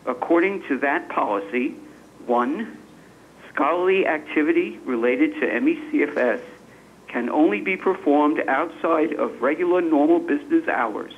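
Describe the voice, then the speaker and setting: A man speaking over the phone, reading a prepared statement as a public commenter in a formal, measured way, in short phrases. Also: a little high. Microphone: telephone. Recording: tinny phone line with faint noise.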